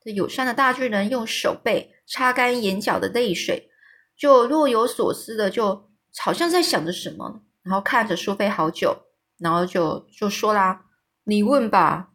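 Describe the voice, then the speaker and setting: A woman reading a children's storybook aloud, pausing to explain hard words and adding small fillers. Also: medium pitch, a bit bright.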